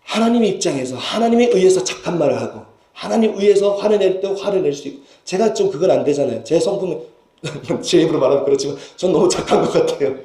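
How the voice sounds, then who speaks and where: A man's voice: sits high, animated, fast, dark tone. A man preaching a Sunday sermon as senior pastor, emphatic and full of rhetorical questions to the congregation. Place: church sanctuary. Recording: echoey church hall.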